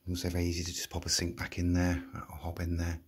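A man's voice: low voice, completely flat delivery, fast talker. A man with an English accent giving a plain, matter-of-fact walkthrough of a shop building, filmed on a handheld phone as he walks the empty rooms. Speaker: property seller giving a walkthrough. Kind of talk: casual property tour narration. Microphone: handheld phone, walking.

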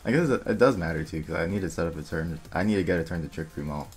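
A young man casually commentating his own online game, thinking aloud and muttering quick asides to himself. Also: low voice, animated, darkish tone. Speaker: gaming video creator. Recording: faint music underneath.

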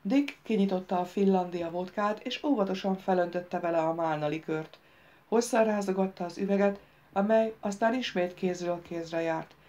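A woman with a medium-pitched voice narrates an audiobook, recorded with lo-fi sound. She reads the characters' dialogue louder and livelier than the narration.

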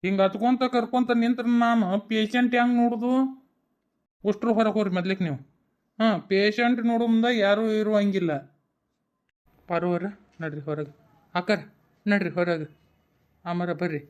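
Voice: medium pitch, steady tone, moderate pace, long pauses, a little mellow, clear, resonant tone, close to an everyday voice. Voice actor doing a bossy cartoon village doctor, North Karnataka Kannada accent, brusque, dull lo-fi sound.

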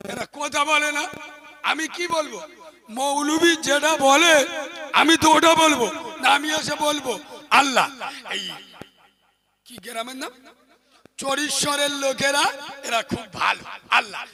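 A hoarse man preaching a fiery, mocking sermon to an outdoor crowd, often shouting at his listeners. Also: extremely high pitch, unhurried, pauses often. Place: outdoor religious gathering.

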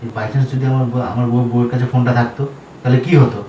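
A young man from Bengal talks in quick, casual bursts and turns defensive in a staged couple prank. His voice sounds far from the mic, with room echo. Constant background noise runs underneath. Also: medium pitch, level tone, dark tone, dull audio. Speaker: prank channel co-host.

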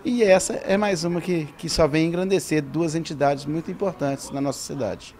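A man's voice: fairly high pitch, fairly even intonation, normal speed, a little mellow, slight background noise. Emphatic middle-aged man interviewed. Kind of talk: on-camera interview. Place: indoor event hall. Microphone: handheld reporter mic.

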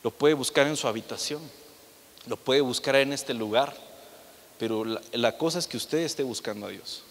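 A man's voice: mid-range voice, moderate pace. A young man preaching a sermon in a church, firing rhetorical questions at the congregation. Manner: acts out the voices of people in his stories. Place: church hall. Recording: long reverb of a large hall.

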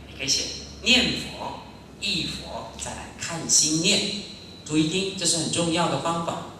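A male Buddhist monastic giving a Dharma lecture to a live audience, lively and demonstrative, acting out his examples. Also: a little high. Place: large echoey lecture hall. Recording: very echoey hall, distant, faint noise.

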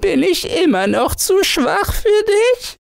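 A man voicing a small, grateful and kind sea turtle in a storybook, speaking in a high, slow and formal singsong. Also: sing-song, gravelly, no echo, studio quality, heavily acted. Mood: gentle.

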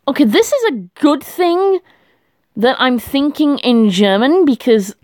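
A woman vlogger talks her way through a quiz in a slow, unhurried voice that swings up and down in pitch. She chats to herself and laughs a lot. The sound is dry and close. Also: big pitch swings, darkish tone, no room sound. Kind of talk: casual thinking aloud while doing a language quiz.

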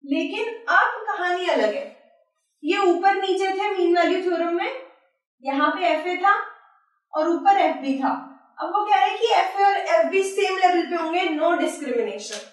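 A woman maths teacher, giving a chatty whiteboard lecture and talking to her students informally. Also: very high voice. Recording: echoey room, voice from far off.

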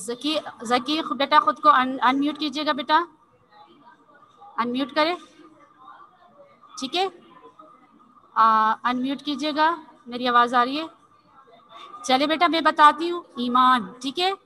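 A woman's voice: high voice, bright, forceful tone, a little hiss or hum, poor audio. A woman teaching an online language class, spelling words out letter by letter and patiently coaxing her pupils with constant check-ins. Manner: repeats "theek hai" constantly and spells words letter by letter slowly. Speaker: Urdu teacher. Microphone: video call.

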